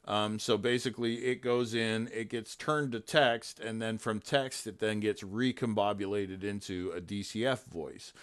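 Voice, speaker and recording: A man hosting a casual livestream, explaining his software in a rambling way with many fillers and restarts. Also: lowish voice, steady tone, unhurried, few pauses, clean tone. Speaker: host and game developer. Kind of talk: casual livestream tech chat.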